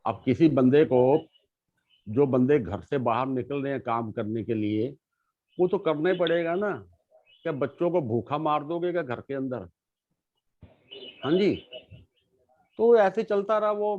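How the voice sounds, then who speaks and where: Middle-aged man, earnest and halting, talking about his life, dull lo-fi recording with no room sound. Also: mid-range voice, no room sound. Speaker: guest sharing his life story. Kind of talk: casual conversation.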